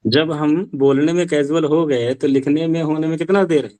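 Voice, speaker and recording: A man's voice: fairly high pitch, steady tone, moderate pace, mellow, no echo. A male Sanskrit teacher giving an online language class, explaining step by step and asking rhetorical questions.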